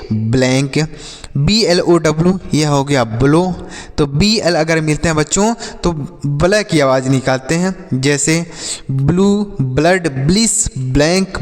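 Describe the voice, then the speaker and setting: A man with a fairly high voice teaches an English phonics lesson and talks to the class as children. He slows down to spell out letters and answers his own questions. His voice trails off in a long, hall-like reverb. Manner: repeats questions and answers them himself, addressing children.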